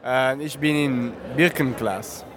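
A man's voice: medium pitch, slow pace, crowd noise. A man from Italy with an Italian accent, an art student answering interview questions thoughtfully and searching for words.

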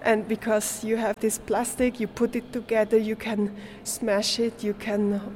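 A woman's voice: fairly high pitch, flat delivery, unhurried, darkish tone, slight background noise. A young Swiss woman whose first language is German, answering interview questions in English, often hesitating to find words and laughing lightly. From Switzerland. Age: young adult. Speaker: guest artist.

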